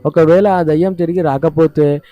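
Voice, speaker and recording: A man's voice: fairly high pitch, steady tone, highs cut off, soft background music, lightly acted. A man playing a fearless cheeky young farmer. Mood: bold. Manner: bold, quick-witted replies. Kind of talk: storybook cartoon voice acting.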